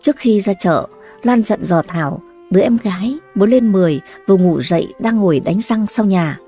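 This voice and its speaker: A woman narrating a scripted story in an even storytelling manner. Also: medium pitch, a little fast, faint music behind.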